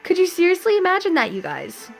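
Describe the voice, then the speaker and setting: A young woman giving an earnest, animated, chatty motivational talk to camera, laughing now and then. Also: very high voice, quick pace, creaky, soft background music. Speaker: vlogger.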